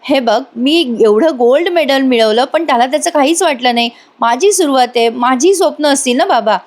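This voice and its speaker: Brief: a woman doing a stubborn young serial heroine, upset and complaining, slightly high voice. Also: a little fast, natural voice. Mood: protesting. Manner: protesting, complaining.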